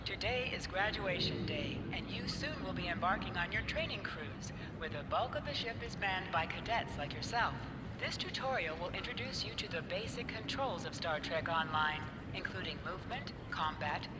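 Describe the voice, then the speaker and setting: A formal, instructive starship academy guide narrates a game tutorial. The voice sits high for a man. Loud ambient noise runs behind it. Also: expressive, normal speed. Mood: welcoming, instructive.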